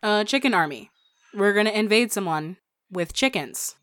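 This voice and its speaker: A woman's voice: mid-range voice, animated, normal speed, fairly bright tone, no echo, lightly acted. A woman playing a sardonic but supportive farmer's wife in an audio story, with a dry, skeptical manner. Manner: dry, sarcastic.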